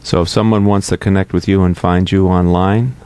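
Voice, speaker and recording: A man's voice: low voice, fairly even intonation, a little fast, darkish tone, clean tone. A man hosting a radio interview in a conversational style. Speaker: radio show host.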